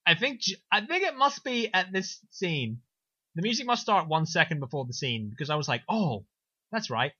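A young man casually recapping a film on a podcast, sarcastic and animated, slipping into silly voices. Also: sits high, brisk, slightly rough, no room sound. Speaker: podcast co-host. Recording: dull lo-fi dry recording.

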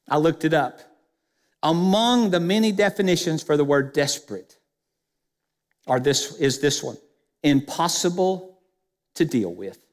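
A man preaching a sermon as pastor, emphatic and dropping his voice low on key phrases. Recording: long hall reverb.

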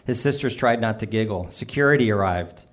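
Reading his own humorous personal essay aloud, a middle-aged man speaks briskly in a fairly low voice. He tells the first-person story wryly, with dry, self-mocking humor.

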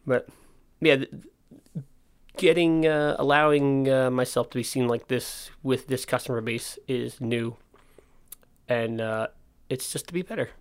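Unhurried and pausing often, a podcast host who owns a skate park talks casually by himself in a clean, mid-range voice with fairly even intonation. Missing front teeth give his speech a slight lisp. He rambles frankly, often stopping to start a sentence over.

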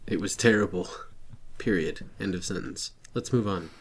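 Male podcast co-host, fairly low pitch, sarcastic grumbler, casual comedic banter. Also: moderate pace, breathy edge.

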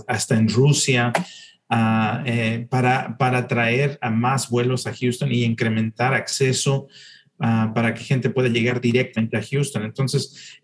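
A middle-aged man from Chile, a podcast guest telling his story in a chatty way, often restarting and repeating words. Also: mid-range voice. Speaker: podcast guest, city tourism promoter. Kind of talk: casual interview.

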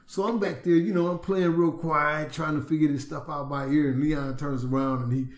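A man, a jazz bass player, telling stories and acting out the voices of the people in them, laughing now and then. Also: steady tone, normal speed. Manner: acts out the voices of people he quotes, laughs often. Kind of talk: anecdotal storytelling. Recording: roomy echo.

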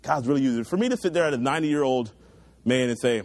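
Earnest young man preaching to a youth group. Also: quick pace. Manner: earnest, emphatic preaching with rising pitch on key points. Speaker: youth pastor. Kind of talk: sermon.

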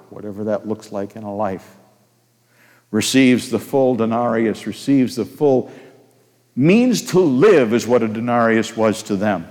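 An older pastor delivers a sermon in a folksy, anecdotal way, pausing to ask his congregation questions. His voice sits at an ordinary middle pitch. The church sanctuary gives it a long, ringing reverb. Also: a little mellow. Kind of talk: sermon with personal storytelling. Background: long hall reverb.

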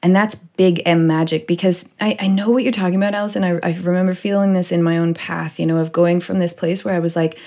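A woman's voice: lowish voice, steady tone, fast talker, hardly any pauses, darkish tone. A woman hosting a casual podcast conversation, rambling with lots of "like" and "you know". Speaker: podcast host.

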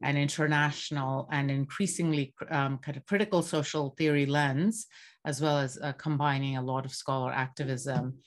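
A woman from Bangladesh, a geography professor, answering interview questions in a measured, academic way. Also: a bass voice, steady tone.

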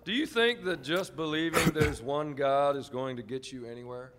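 Higher-voiced man reading scripture aloud. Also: moderate pace, background noise. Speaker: scripture reader and responder.

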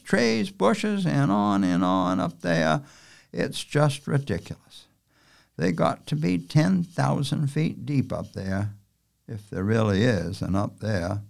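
A man's voice: a little high, gravelly, voice pushed up, exaggerated voice. A man reading a novel aloud, voicing an older island man who rambles and wonders aloud in a folksy way. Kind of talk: audiobook character voice.

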